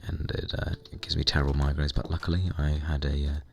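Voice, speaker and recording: Croaky deep guy rambling while he games, gravelly. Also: level tone, fast. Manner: rambling, chatty, mild swearing. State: hoarse, recovering lost voice. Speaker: gaming vlogger. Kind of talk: casual chat while playing a game. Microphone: desk microphone at computer.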